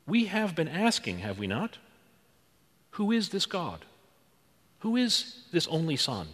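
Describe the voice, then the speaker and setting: Dramatic preacher in a reverberant church. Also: male voice, on the high side, wildly swooping pitch, slow pace, fairly bright tone. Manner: dramatic, rhetorical questions and repetition. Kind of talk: sermon.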